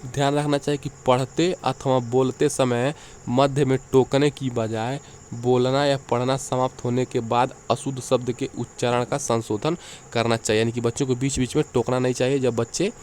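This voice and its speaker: A man's voice: medium pitch, steady tone, normal speed, darkish tone, a little hiss or hum. Man teaching an exam-prep lecture. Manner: explains point by point, often adds "ठीक है".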